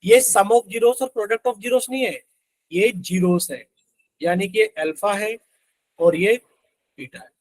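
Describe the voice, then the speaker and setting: A man's voice: high-pitched, takes it slowly, long pauses, a little mellow, no room sound. A young man teaching math in a live online class, constantly quizzing students and voicing their answers for them. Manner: asks students questions constantly, voices their replies as "sir".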